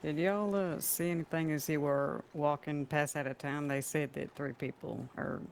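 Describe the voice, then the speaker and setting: A man's voice: a little high, fairly even intonation, normal speed, creaky, slight background noise. A man in a western roleplay as a passing lawman, asking questions politely. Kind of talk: in-character western roleplay chat.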